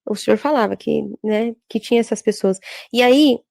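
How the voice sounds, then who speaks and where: A woman, a church worker giving a religious testimony in a halting, repetitive way. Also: a little high, creaky, a little mellow, no room sound. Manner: halting, repetitive, frequent filler tags.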